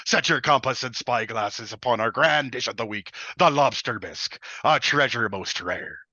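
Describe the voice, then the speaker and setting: A man's voice: medium pitch, moderate pace, sharp tone, no room sound. A man voicing a swaggering male pirate captain who speaks in a grand, theatrical old-fashioned way. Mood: boisterous. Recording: slightly dull lo-fi sound.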